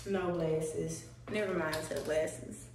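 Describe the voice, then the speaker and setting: A woman's voice: deep voice, fairly even intonation, takes it slowly, vocal fry, noisy background. Chatty woman vlogging from across a roomy space. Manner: chatty, easygoing, slangy. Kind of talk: casual vlog chat. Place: home indoors. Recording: roomy, from a distance, faint music. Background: faint music from a TV.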